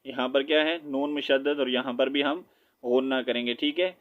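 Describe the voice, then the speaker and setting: Teacher, male, Pakistani Urdu accent, patient and drawn out, flat even delivery, smooth voice, dull lo-fi sound. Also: medium pitch. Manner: patient, repeats "theek hai", drawls syllables. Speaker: Quran recitation teacher. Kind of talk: online lesson, spelling out and reciting slowly.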